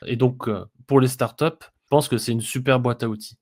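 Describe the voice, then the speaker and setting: A man co-hosting a business podcast, explaining things steadily and pausing often with filler sounds. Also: medium pitch, fairly even intonation. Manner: hesitant, many "heu" fillers, explanatory. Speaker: podcast co-host, business software consultant. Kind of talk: casual business podcast discussion.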